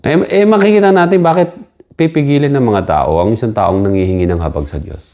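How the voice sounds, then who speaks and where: A man's voice: medium pitch, fast, a little mellow. A man with a Filipino accent preaching a sermon, switching between Filipino and English, repeating key words and rising for quoted cries.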